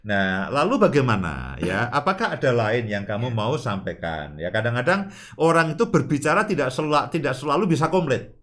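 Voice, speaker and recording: A man's voice: mid-range voice, very animated, moderate pace, a bit bright. A man hosting a family-life talk show, giving advice in an emphatic way and repeating his key phrases. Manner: acts out quoted speech with laughs. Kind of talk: advice talk to a live audience.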